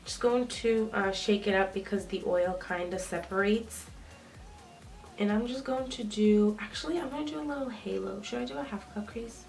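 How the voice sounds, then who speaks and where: Doing her makeup while she talks, this young beauty vlogger has a cold that leaves her voice stuffy and nasal, and she fills her casual tutorial chat with plenty of ums. Her mid-range voice moves at a normal speed, with vocal fry and a slightly mellow quality. Faint music plays behind her, and the audio is slightly distant with faint noise.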